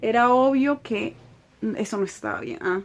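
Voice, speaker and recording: A young woman, telling a personal story on her vlog with a slightly high voice. She speaks emotionally and circles back to repeat her words. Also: moderate pace. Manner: emotional, repetitive retelling. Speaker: vlogger.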